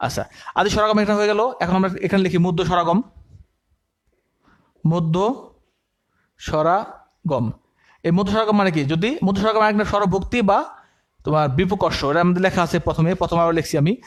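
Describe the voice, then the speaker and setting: A man's voice: high-pitched, steady tone, rapid-fire. A man teaching an admission coaching lecture, dictating notes and asking the class questions he answers himself. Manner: asks the class questions and answers them himself, repeats key terms; uses everyday comparisons to explain.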